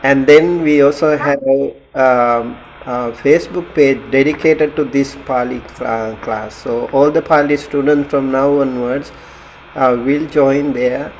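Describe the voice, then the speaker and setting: A man talks slowly and haltingly over a video call, pausing often on fillers as he teaches an online class. His pitch sits in an ordinary middle range. A faint hum of background noise sits under his voice. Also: steady tone, low-quality recording. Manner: slow, hesitant with many fillers, laughs often. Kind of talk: casual online class talk.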